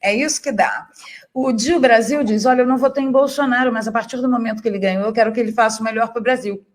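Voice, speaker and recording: A Brazilian woman hosts a live political chat, reading viewer comments aloud in a chatty, teasing way. Her voice sits a little high. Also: fairly even intonation, fast. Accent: Brazilian Portuguese. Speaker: live stream host.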